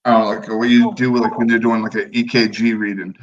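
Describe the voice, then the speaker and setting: A man's voice: mid-range voice, little pitch movement, fast talker. Forty-year-old man, muffled call audio. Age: 40s. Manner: laid-back, swears and laughs freely. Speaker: podcast co-host. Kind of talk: casual chat on a video call. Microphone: video call.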